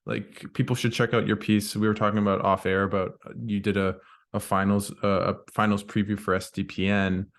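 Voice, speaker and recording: A man hosting a podcast interview who asks casual questions and keeps affirming his guest with quick yeahs. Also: on the low side, level tone, gravelly. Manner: friendly, affirming, frequent "yeah" and backchannels. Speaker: podcast host.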